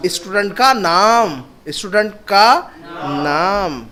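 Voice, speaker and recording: A male Arabic teacher gives a classroom grammar lesson, his voice sitting fairly high. He is patient and drills every phrase twice, slowly, and keeps asking the class what things mean. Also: animated, bright, forceful tone. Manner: patient, repeats each phrase slowly, asks questions.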